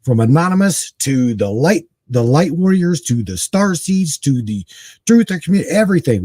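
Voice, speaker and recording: Animated, husky man in his forties. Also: on the high side, no echo. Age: 40s. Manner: animated, emphatic, conversational slang. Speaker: guest co-host. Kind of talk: casual conversation.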